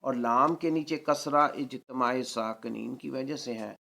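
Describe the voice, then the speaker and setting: A man with a mid-pitched, gravelly voice teaches recitation rules in a patient, measured way. He spells each word out letter by letter and vowel by vowel. Then he stretches the sacred words out in long, careful recitation. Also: bright, forceful tone. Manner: draws out Quranic words slowly in recitation. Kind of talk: tajweed lesson.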